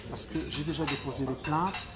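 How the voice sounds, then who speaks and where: Over loud music, a Franche-Comté activist with a voice on the high side talks fairly quickly in an interview. His answers are fiery and emphatic, full of restarts and repetitions.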